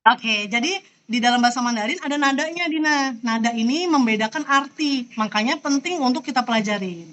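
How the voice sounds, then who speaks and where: A woman's voice: fairly high pitch, a little fast, a bit bright, lo-fi sound. A woman teaching Mandarin tones over a video call, patient and showing every sound by example. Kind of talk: online class teaching. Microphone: computer mic on a video call.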